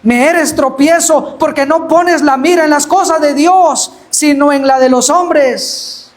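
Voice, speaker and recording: A preacher voicing Jesus, slow and solemnly stern. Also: male voice, very high voice. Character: Jesus, a grown man giving a solemn, stern rebuke.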